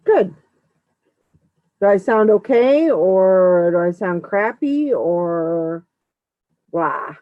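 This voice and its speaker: Checking her audio during a casual live stream, the chatty host speaks in an animated mid-range voice, drawing out words and pausing often. The recording is dry and echo-free but muffled and phone-like, as though through a wall.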